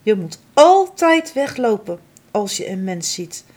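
A woman's voice: mid-range voice, big pitch swings, unhurried, darkish tone. A woman voicing a bold, cocky young female fawn in a storybook, speaking with confidence. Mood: knowing.

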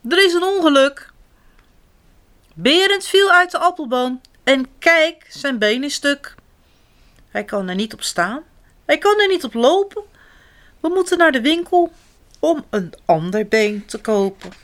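A woman voicing a frantic young girl calling for help in a children's storybook, with urgent, high cries. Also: moderate pace, close to an everyday voice. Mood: panicked.

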